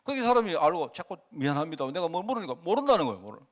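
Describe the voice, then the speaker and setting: A male pastor with a Gyeongsang accent preaching a sermon in a colloquial, animated way, acting out conversations with people he tells about. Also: high voice, racing.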